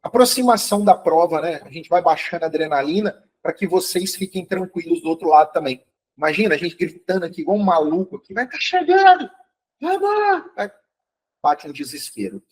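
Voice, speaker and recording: Fast-talking and husky, this fairly high-pitched man is heard over poor audio. He teaches a live chemistry review online in an encouraging, upbeat way, calling out students by name and regularly confirming they're keeping up.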